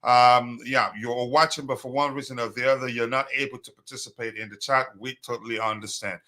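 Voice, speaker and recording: A man hosting a casual live football fan stream in a halting, repetitive way, his voice slightly strained as if he is losing it. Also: mid-range voice, fairly even intonation, sharp tone.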